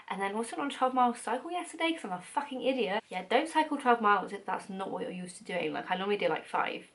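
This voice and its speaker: Bright-voiced chatty British woman vlogging. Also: mid-range voice. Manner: chatty and swears freely, laughs at herself. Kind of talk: casual chat to camera.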